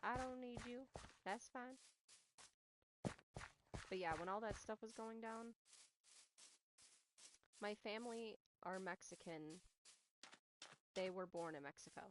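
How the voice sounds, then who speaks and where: Speaking slowly with long pauses in a mid-range voice, a young streamer raised speaking Spanish rambles casually while gaming, stuttering and bouncing between her chat and the game. The background is noisy, with game music playing.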